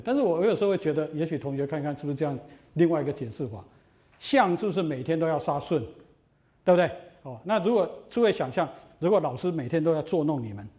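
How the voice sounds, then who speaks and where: Mellow-voiced man giving a lively lecture. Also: fairly high pitch. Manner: animated storytelling, rhetorical questions. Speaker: university lecturer. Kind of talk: university lecture.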